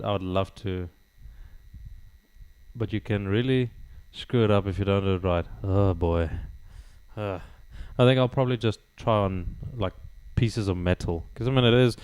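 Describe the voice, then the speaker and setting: A man's voice: sits low, darkish tone, clean tone. A man chatting casually with livestream viewers, laughing often, on a studio microphone at home. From South Africa. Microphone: studio dynamic microphone.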